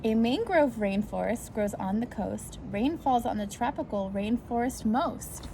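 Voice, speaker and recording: In a clearly noisy amateur recording, a woman with a fairly high, expressive and mellow voice reads a rhyming picture book to preschoolers a little slowly. She delivers it in a sing-song way for the young children and drops in brief asides during storytime.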